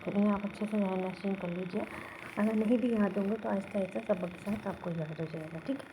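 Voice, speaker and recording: A woman with a medium-pitched, fairly even voice teaches a beginner Quran reading lesson over background noise. She is patient, has learners repeat after her, and often checks they follow by asking "theek hai?".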